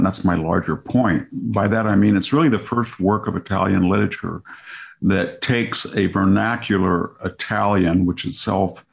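Older male scholar, low creaky voice, professorial and digressive, explaining in conversational style. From grew up on a farm. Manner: professorial, digressive, self-rephrasing. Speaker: scholar guest explaining classics.

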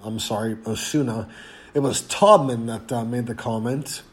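A man hosting a casual sports podcast, congested and hoarse, rambling and halting with fillers. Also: mid-range voice. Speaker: podcast host.

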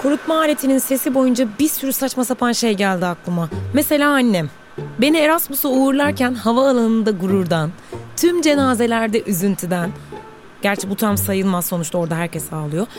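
An actress voicing a woman's reflective inner monologue in quiet, musing narration. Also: a little high, animated, a little fast, soft background music, natural voice. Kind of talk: audio drama narration.

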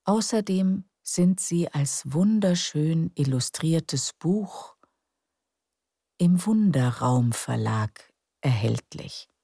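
A woman narrating sleep stories for adults in a hushed, calm, soothing, breathy and creaky voice, often close to a whisper. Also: low voice, slow, dry recording. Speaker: sleep story narrator and podcast host. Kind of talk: soothing scripted bedtime story narration.

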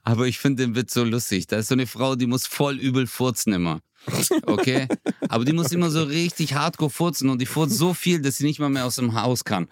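A man's voice: medium pitch, fairly quick, no room sound, studio quality. A man co-hosting a podcast, rambling through a joke with lots of fillers. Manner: rambling, many fillers, laughs at own joke. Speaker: podcast co-host. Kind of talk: casual chat, telling a joke.

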